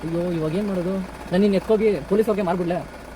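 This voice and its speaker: A man acting a bumbling, greedy yet soft-hearted kidnapper in a comic skit, talking in a rambling, rustic way outdoors. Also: sits high, quick pace, close to an everyday voice. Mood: coaxing. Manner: rambling, chatty, rustic talk. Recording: street noise with idling engine.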